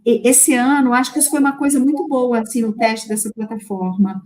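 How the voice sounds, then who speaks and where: Woman, Carioca accent, slightly high voice, hesitant filler-heavy speech, video-call panel talk. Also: steady tone, brisk, darkish tone, slight background noise. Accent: Carioca Brazilian Portuguese. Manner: hesitant, with many "é" fillers and restarts. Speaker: guest speaker on language learning. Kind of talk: casual talk in an online panel.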